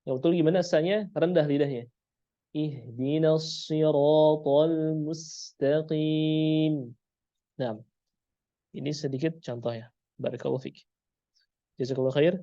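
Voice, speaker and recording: A man's voice: a little high, a little fast, gravelly, long pauses, dark tone, dry recording, dull audio. A man with an Indonesian accent teaching Quran pronunciation, patiently repeating sounds and quizzing his class.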